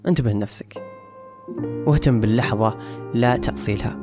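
A man reads a scripted, reflective monologue at a brisk clip, his tone earnest and dryly wry. His voice sits at an ordinary middle pitch, and faint music plays beneath him. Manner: earnest, wry, measured essay delivery. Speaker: podcast host.

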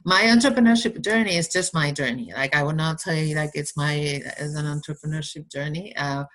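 A woman from the Basque Country with a Basque Spanish accent, talking casually and haltingly as an interview guest. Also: sits low, a bit bright, low-quality recording. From Basque Country, Spain. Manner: halting, rambling, tags phrases with "no?". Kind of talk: casual conversational interview answers.

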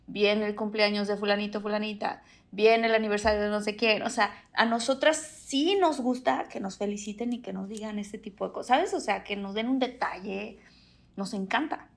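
A woman's voice: medium pitch, steady tone, moderate pace, creaky. A woman with a Mexican accent chatting casually as a podcast co-host, laughing and explaining things with energy. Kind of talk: casual chat.

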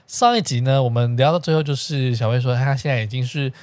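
A man's voice: mid-range voice, quick pace, a little mellow, no echo. A man with a Taiwanese Mandarin accent hosting a travel podcast in an upbeat way. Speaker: podcast host.

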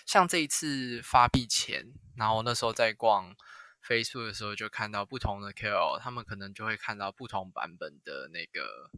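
Casting: male podcast host, Taiwanese accent, sharp bright voice, conversational, very dry sound. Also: fairly low pitch, animated, normal speed, no room sound. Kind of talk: casual chat.

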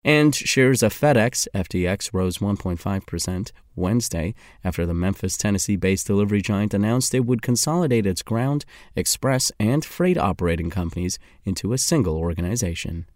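A man reading scripted financial news in a formal, measured manner. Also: fairly low pitch, lively intonation, darkish tone, dry recording, clean studio sound. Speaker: news reader.

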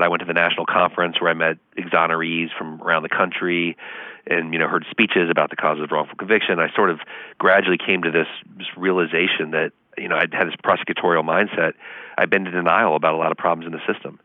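Fast-talking deep-voiced man on a phone line. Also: flat delivery, dry recording. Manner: fast, earnest, many fillers. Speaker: law professor, guest. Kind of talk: interview answers over the phone.

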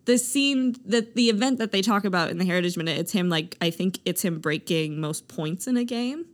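A woman's voice: medium pitch, expressive, brisk. A woman hosting a podcast in a casual, conversational style. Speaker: podcast host.

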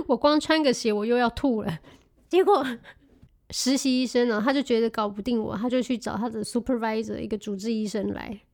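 A woman telling a funny story in casual chat, animated and laughing often, mixing in English words. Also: on the high side, brisk.

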